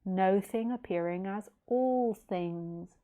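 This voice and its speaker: A woman's voice: mid-range voice, slow, mellow. A woman in her late thirties, a spiritual teacher giving a casual philosophical talk in a rambling, easygoing way with jokey asides. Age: late 30s.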